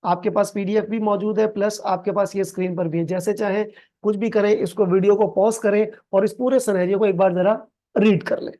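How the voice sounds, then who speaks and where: A man tutoring for an accounting exam in a recorded video lecture. He speaks with a Pakistani Urdu accent, mixes in English terms, keeps calling his students "beta", and reads English passages slowly and deliberately. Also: high voice, fairly even intonation, warm tone.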